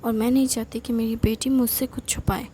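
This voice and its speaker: Firm, scolding storybook aunt, fairly high and mellow , read by a woman. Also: level tone, fairly quick, slight background noise, natural voice. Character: strict, scolding middle-aged aunt.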